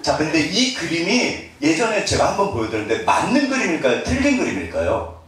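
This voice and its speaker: In an echoey church hall, picked up by a distant mic with some faint noise, a middle-aged man preaches as pastor. He's brisk and a bit bright, his high-ish voice swinging widely in pitch as he jokes with the congregation and plays out little scenes.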